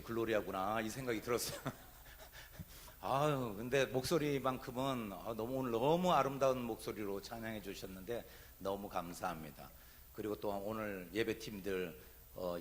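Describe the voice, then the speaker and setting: A man preaching as a pastor in church, thanking the choir and telling a humorous childhood story in an animated way. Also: fairly low pitch, slight background noise. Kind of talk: sermon with storytelling. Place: church sanctuary.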